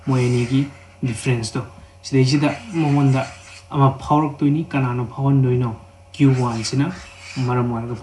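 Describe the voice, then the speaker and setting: A man's voice: medium pitch, mellow, a little hiss or hum. A man with a Manipuri accent teaching physics, reading out definitions, then explaining them step by step and repeating key phrases. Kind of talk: classroom lesson mixing read-out definitions with explanation. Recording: roomy, echoing voice recording.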